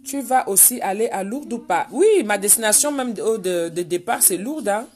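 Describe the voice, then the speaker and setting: A woman's voice: medium pitch, lively intonation, moderate pace, darkish tone. A woman hosting a casual live stream from home, chatting and reading out viewers' names and comments. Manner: chatty, reads viewer names aloud and answers them.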